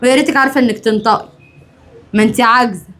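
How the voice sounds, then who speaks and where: A woman's voice: a little high, fairly even intonation, very fast, a bit bright, lightly acted. A woman playing a cruel scheming daughter-in-law. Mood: taunting. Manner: menacing, taunting threats. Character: scheming cruel young wife tormenting her mother-in-law. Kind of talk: amateur skit drama.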